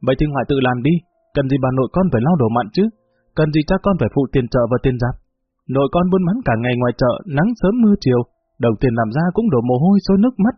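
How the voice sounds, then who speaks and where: A man voicing an outspoken young girl protesting to her grandmother, husky voice over a tinny line with faint music. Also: mid-range voice, lively intonation, racing, dry recording. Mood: indignant. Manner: protesting, heated.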